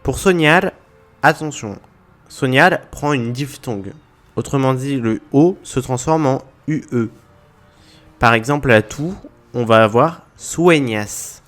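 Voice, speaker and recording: A man's voice: mid-range voice, slow pace, fairly bright tone. A man explaining a language point to viewers in a methodical lesson, walking through examples one by one. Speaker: language teacher.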